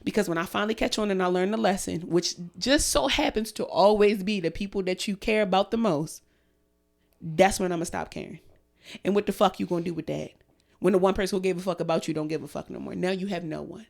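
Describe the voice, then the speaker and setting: A young woman from the United States co-hosting a podcast in loose casual chat. She rants hard and swears freely, her voice sitting at an ordinary middle pitch. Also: fast, creaky, darkish tone. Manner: profane, heated ranting. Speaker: podcast co-host.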